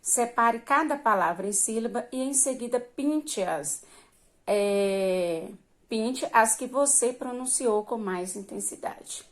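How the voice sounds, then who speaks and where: Slow, patient woman teacher. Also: a little high. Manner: slow, patient, drawn-out emphasis on syllables. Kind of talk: remote primary school lesson.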